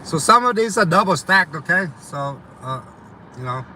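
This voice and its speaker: A young man with a slight Vietnamese accent, streaming as a delivery driver, reads viewer comments in a loose, rambling live chat about his driving, dotted with ums and uhs. His slightly high voice is pushed and bright, with lively intonation at normal speed. The rough recording has slight background noise.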